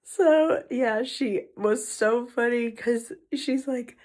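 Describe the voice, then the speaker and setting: Excitable woman vlogging, kinda high voice, slow unhurried talk, bubbly w/ little hushed bits. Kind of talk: casual vlog chat.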